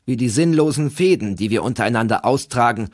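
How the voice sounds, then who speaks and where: A man's voice: mid-range voice, animated, a little fast, no room sound, studio quality, voice pushed up, lightly acted. A man reading aloud, voicing a determined young Norse leader who pleads earnestly. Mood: urgent.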